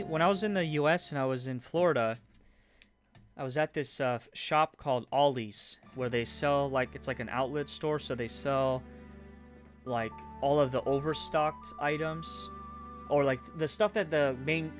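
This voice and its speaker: A man with a Canadian accent chatting casually on a stream while building a Lego set, rambling with fillers and trailing off as he tries to recall things. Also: mid-range voice. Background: faint game music.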